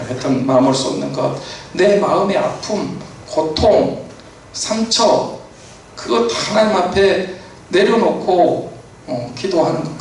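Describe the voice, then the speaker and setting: A pastor with a slightly high voice and a faint hiss or hum delivers a sermon in a church sanctuary. He preaches conversationally, with many fillers and affirmations, and the recording sounds distant and echoey, like a church hall.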